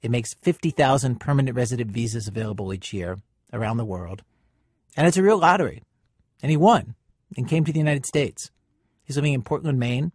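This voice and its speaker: A man hosting a radio show, reading scripted narration in a measured, conversational way. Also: medium pitch, animated, darkish tone, dry recording, clean studio sound. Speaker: radio host.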